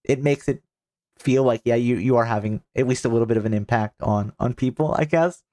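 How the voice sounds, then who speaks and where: A man streaming live, reading out viewer messages in a soft, touched way and stumbling over his words as he repeats himself. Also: medium pitch, no room sound, clean studio sound. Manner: halting, stammers and repeats words.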